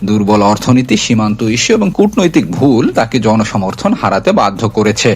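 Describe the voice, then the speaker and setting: A man reading a scripted news explainer as narrator, in a formal, measured reporting manner. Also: fairly low pitch, very animated, slightly rough.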